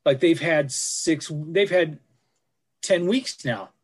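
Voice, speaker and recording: A man in his forties with a slightly raised pitch, swearing freely as he tells a story in a loose podcast chat. He is blunt and plainspoken. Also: slow pace. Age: 40s. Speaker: podcast co-host.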